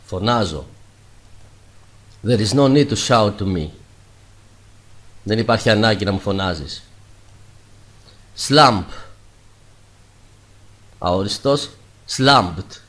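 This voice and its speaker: A man teaching English vocabulary, saying each English word louder and slower before its translation. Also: lowish voice, expressive. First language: Greek. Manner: says English words louder and slower, then Greek translations. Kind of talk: vocabulary lesson.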